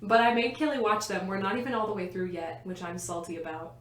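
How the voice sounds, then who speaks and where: A young woman co-hosts a casual podcast from her bedroom, rambling happily and laughing through her sentences. Her voice sits at an ordinary pitch, and the room around her gives it a noticeable echo. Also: fairly even intonation, fast talker. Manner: giggly, rambling, often laughing mid-sentence. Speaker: podcast co-host. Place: a bedroom at home.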